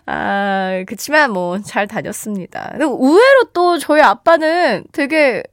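Radio dj lady reading listener letters, higher voice, bouncy and laughy, dry booth sound. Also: unhurried, no echo. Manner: chatty and animated, laughs often. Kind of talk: radio show chat, reading listener messages. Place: radio studio. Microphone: close studio mic.

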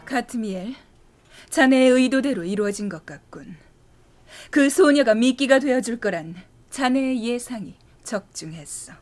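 A woman playing a composed, commanding mother of high rank in an audio drama. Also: animated, measured pace, darkish tone. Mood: composed, satisfied.

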